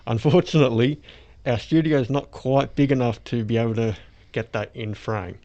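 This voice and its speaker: A man's voice: medium pitch, normal speed. A toothless Australian man chatting casually as a podcast host through a face mask, explaining things in a rambling way. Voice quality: toothless, soft-edged speech. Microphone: speaking through a face mask. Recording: dull lo-fi sound.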